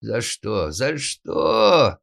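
A man voicing a furious old father in an audiobook, shouting and lamenting in drawn-out cries. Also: mid-range voice, huge pitch swings, creaky, no room sound, studio quality, voice pushed up, full character voice. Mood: raging. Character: furious old male father, bellowing, tyrannical. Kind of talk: audiobook narration.

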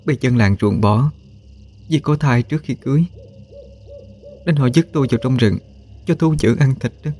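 A man voicing a young female ghost who pleads for help in a soft, plaintive falsetto. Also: moderate pace, long pauses, slight background noise, close to an everyday voice. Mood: pleading.

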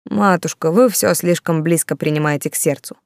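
A woman's voice: sits low, moderate pace, vocal fry, no echo, clean studio sound. A woman reading the part of a lazy, sarcastic young count who drawls his words. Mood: sardonic. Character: lazy sardonic young count, fond of wine.

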